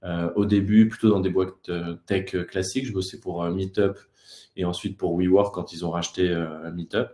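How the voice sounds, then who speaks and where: A man's voice: sits low, fairly even intonation, moderate pace, dark tone. A man in his thirties from France, the guest of an online talk show, speaking casually with many hesitations. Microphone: video call. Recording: echoey room.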